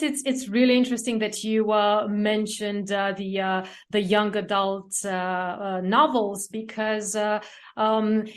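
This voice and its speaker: A woman with a Romanian accent, a podcast co-host asking interview questions in a halting way, filled with uhs. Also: medium pitch.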